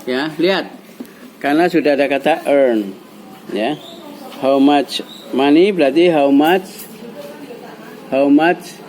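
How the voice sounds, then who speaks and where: A fairly high-pitched man with an Indonesian accent leads a classroom English lesson. He explains slowly and repeats himself patiently, coaxing students to answer, with faint background noise. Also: darkish tone, poor audio. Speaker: English teacher.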